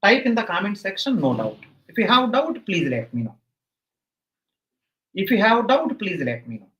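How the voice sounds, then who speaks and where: A man's voice: high-pitched, big pitch swings, normal speed, pushed and bright, highs cut off. A man with a South Indian accent teaching a live online exam class, emphatically repeating his phrases over and over.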